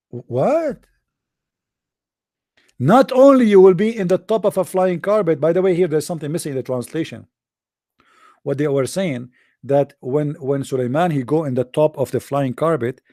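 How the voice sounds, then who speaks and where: A man's voice: a little high, dark tone, no room sound. Sarcastic Arabic-accented man, dry close sound. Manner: sarcastic, mocking. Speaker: religious debater. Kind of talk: online debate talk.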